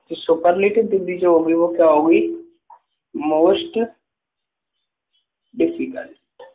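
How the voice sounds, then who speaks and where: In his grammar class, a man with a high-pitched voice slowly and patiently dictates notes as the English teacher, pausing often to check in with students. It sounds echoey and tinny, as if recorded on a phone in an empty room.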